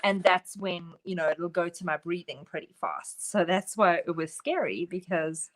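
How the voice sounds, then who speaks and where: A woman co-hosting a casual chat, relaxed and laughing often as she tells a story. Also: fairly low pitch, moderate pace, background noise. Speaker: co-host.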